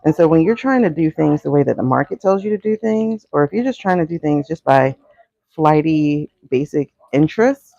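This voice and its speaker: A woman with a husky morning voice chats casually to her viewers while cooking, giving business coaching and calling them y'all. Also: low voice, a little mellow, no room sound, highs cut off. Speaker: brand coach. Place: home kitchen, cooking.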